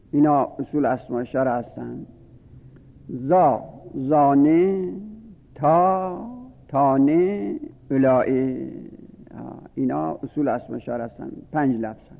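Gravelly man lecturing over a tinny line. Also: a little high. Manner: patient, repetitive enumeration, drilling word forms. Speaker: religious studies teacher. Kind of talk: lecture on Arabic grammar. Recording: phone-like lo-fi audio with long reverb.

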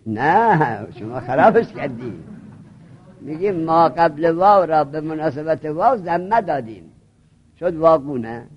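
Teacher, male, high pitch, drills and prods students through a grammar lesson; dull lo-fi recording. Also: expressive, slightly rough.

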